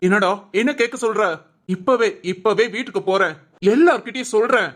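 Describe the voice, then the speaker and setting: Stern middle-aged uncle, played by an actor, indignant lecturing, raised voice, family comedy drama, mid pitch. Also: fairly quick, a bit bright, lightly acted. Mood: angry.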